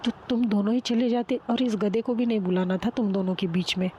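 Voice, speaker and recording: Woman doing a snappy young woman, scolds fast and sarcastic, faint noise behind. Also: mid-range voice, fairly even intonation, dark tone, close to an everyday voice. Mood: scolding.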